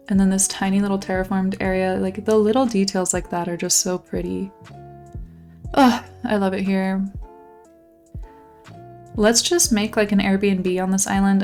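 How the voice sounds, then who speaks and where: A young woman hosts a game island tour on her channel, her commentary casual, bubbly, and full of gushing exclamations. Her voice, medium in pitch and darkish in tone, is a little worn from losing it recently.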